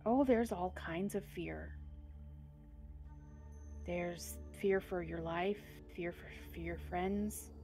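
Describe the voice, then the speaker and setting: A woman voicing a kindly older male temple keeper who talks slowly and softly to reassure someone. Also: lowish voice, faint music behind. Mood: gentle, reflective. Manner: slow, soft-spoken, reassuring.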